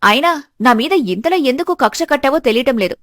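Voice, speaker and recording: Woman as a meek cartoon daughter-in-law, earnest, fairly high voice, dry. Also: expressive, fast, a bit bright, no room sound. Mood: defiant. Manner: earnest, pleading. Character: meek but steadfast young daughter-in-law. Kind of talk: animated storybook voice acting.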